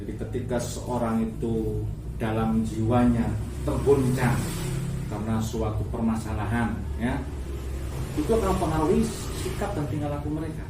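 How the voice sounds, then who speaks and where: A man's voice: mid-range voice, normal speed. A man giving an explanatory religious talk in a didactic way, phrase by phrase. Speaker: interviewed religious teacher. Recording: echoey, noisy, distant mic.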